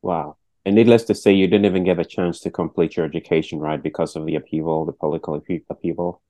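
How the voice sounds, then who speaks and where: A man's voice: deep voice, fairly even intonation, fast talker, warm tone, dry recording. A man hosting a podcast interview, earnest and reacting often with "wow". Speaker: podcast host.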